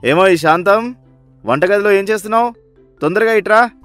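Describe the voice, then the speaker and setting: A man's voice: mid-range voice, expressive, brisk, fairly bright tone, no echo, faint music behind, natural voice. A man voicing a stingy, sarcastic rich miser who bosses his wife about in a storybook tale. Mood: bossy. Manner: sarcastic, scolding, impatient. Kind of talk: storybook voice acting.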